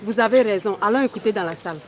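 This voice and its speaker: A woman's voice: mid-range voice, very fast, crowd noise, lightly acted. An actress playing an outspoken village woman who coached the chief, with a Burkinabè French accent. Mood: polite.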